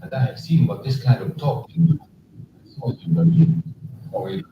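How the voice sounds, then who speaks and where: A man's voice: mid-range voice, lively intonation, moderate pace, vocal fry, noisy background. Earnest man in an old film clip. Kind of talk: 1940s film acting. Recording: dull, roomy old film audio from far off.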